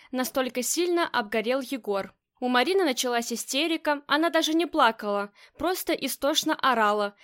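A woman narrating a crime novel as an audiobook, with steady, even storytelling. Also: sits high. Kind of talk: scripted narration.

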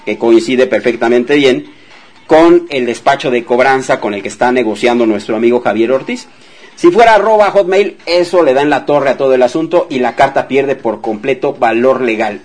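A man hosting a radio show and giving debt advice to listeners in a relaxed, conversational way, speaking straight to them and acting out sample dialogues. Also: mid-range voice. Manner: conversational, addresses listeners directly, acts out example dialogues. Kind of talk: casual advice talk to listeners.

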